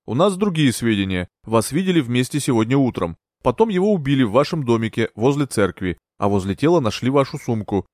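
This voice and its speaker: A brisk, official arresting officer, played by a male narrator, curt and matter-of-fact. The recording is close and dry. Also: medium pitch, very animated, darkish tone, no room sound, lightly acted.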